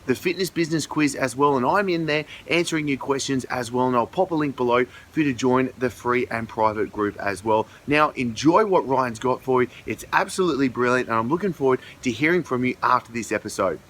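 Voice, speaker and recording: A man's voice: mid-range voice, brisk, hardly any pauses, a bit bright, slight background noise. A man hosting a coaching show, giving an earnest, emphatic, salesy intro straight to the audience while walking around. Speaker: host and fitness business coach. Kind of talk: direct-to-camera podcast intro pitch.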